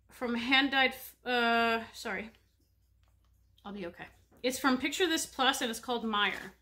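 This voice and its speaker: Speaking into a webcam at desk distance from a home room lined with bookshelves, a stuffy-nosed cross-stitch vlogger in her thirties does a friendly show-and-tell for her viewers. Her slightly high voice is bright and a touch sharp, drifting between thoughts with lots of fillers, over a faint hiss or hum.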